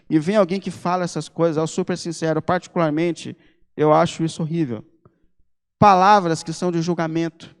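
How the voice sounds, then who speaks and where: In a church hall with a long reverb tail, a man delivers a sermon as pastor in Brazilian Portuguese. His slightly high voice has a clear, resonant tone. Speaking emphatically but conversationally, he weaves personal anecdotes together with forceful appeals.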